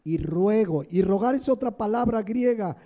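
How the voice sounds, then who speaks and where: A man's voice: high-pitched, lively intonation, moderate pace, dark tone. A man preaching a sermon as pastor. He asks the congregation questions and answers them himself, stressing words one by one.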